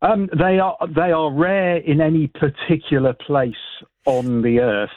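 A British man speaking as an expert guest in a radio interview, explaining informally in a hesitant, halting way with repeated words over a phone line. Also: fairly high pitch, no room sound. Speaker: astronomy expert and event organiser, radio guest. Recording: band-limited tinny phone line.

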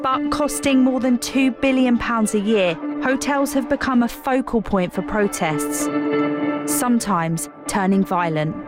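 A woman reporter narrating a news report in a measured, clear way. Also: on the high side, loud music behind the voice.

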